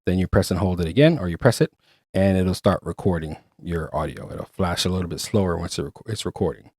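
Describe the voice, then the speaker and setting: A man's voice: sits low, lively intonation, fairly quick, a little mellow, no echo, studio quality. A man hosting a casual product review, chatty and explaining features step by step. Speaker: gear reviewer and host.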